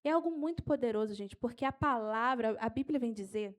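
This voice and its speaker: Woman, high voice, evangelist teaching a church training, lively and fervent. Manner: animated, gets carried away, then slows down to dictate verses. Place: church hall.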